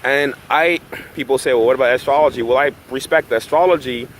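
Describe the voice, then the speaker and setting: Brisk and medium-pitched, a middle-aged numerology coach from Barbados delivers a casual vlog monologue to camera, conversationally dropping "right?" again and again. He's outside in a park by road works, and the recording is rough with slight background noise.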